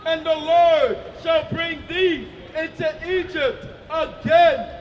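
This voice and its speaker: A man reading scripture aloud in a loud declaiming voice on a city street. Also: very high voice, slow pace, in a large hall, far from the mic, highs cut off, a faint crowd, slight background noise. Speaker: scripture reader for a street preacher.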